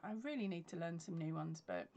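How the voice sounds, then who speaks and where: Her voice sits on the low side with a darkish tone, animated and a little quick, over slight background noise. She's an English crocheter chatting on a livestream from her home craft room lined with yarn shelves, reading comments into her desk webcam, laughing often and dropping in ums.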